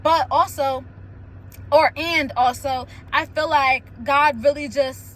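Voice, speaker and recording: A young woman hosting a casual solo chat, telling stories candidly with lots of "like" and quick laughs. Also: sits high, low-quality recording. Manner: candid, animated storytelling with frequent "like" and laughs. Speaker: podcast host.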